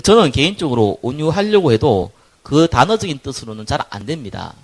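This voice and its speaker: A male pastor with a Gyeongsang Korean accent preaches a sermon in a medium-pitched, sing-song voice, going a little fast. He acts out the people in his stories, rising loud for emphasis and dropping quiet for asides.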